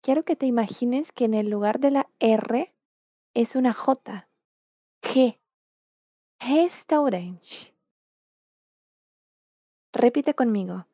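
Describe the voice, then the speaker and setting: Slow, patient woman teacher. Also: fairly high pitch, dry recording. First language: Portuguese. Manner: patient, models words slowly for the learner to repeat. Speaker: Portuguese teacher. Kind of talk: language lesson. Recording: dull, dry, lo-fi sound.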